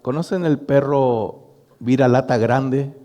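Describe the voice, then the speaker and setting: Preaching slowly to his congregation, a middle-aged pastor tells an animated story and calls his listeners brothers as he speaks to them directly. His voice is mellow and of ordinary male pitch, ringing with a church hall's long reverb.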